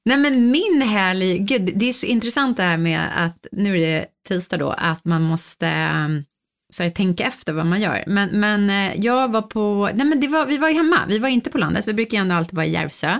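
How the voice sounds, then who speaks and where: A woman hosting a casual podcast, chatting with lots of fillers and restarts. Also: medium pitch. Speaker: podcast host. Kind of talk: casual chat.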